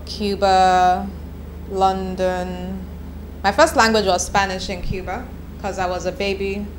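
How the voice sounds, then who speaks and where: Slow and medium-pitched with little pitch movement, this copywriter's voice belongs to a woman from Nigeria in her thirties. She is being interviewed and responds in a candid, chatty way, with restarts, in an echoey room with background noise.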